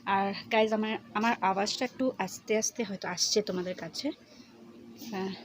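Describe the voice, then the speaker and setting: Soft-spoken young woman vlogging in a kitchen. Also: steady tone, moderate pace. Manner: speaks softly and low because others are nearby. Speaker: cooking vlogger. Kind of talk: casual cooking vlog narration. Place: dim home kitchen. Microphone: no external mic. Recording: noisy home recording without a mic.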